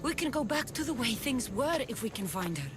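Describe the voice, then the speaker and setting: An actress with a slightly high, sing-song voice speaks briskly as the protagonist of a video game cutscene, a determined young female mercenary. She sounds firm, earnest, and resolute, with music playing behind her.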